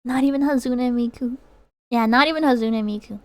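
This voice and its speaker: A woman's voice: fairly high pitch, brisk, a little mellow. A young woman chatting casually with her viewers during a drawing livestream, reading out messages and giggling often. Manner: giggly, reads out chat. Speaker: art streamer.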